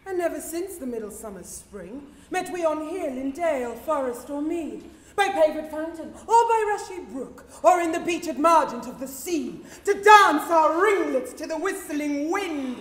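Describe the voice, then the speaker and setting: Woman playing a high-voiced, hammy fairy queen. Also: expressive, unhurried, fairly bright tone. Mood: indignant. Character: proud, scornful fairy queen, female, defiant. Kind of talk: Shakespearean stage acting. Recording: echoey hall recording, clear noise.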